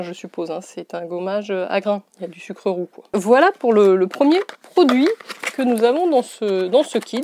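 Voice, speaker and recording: A woman's voice: mid-range voice, a little mellow, a little hiss or hum. A woman beauty vlogger chatting casually while unboxing, rambling with frequent hesitations.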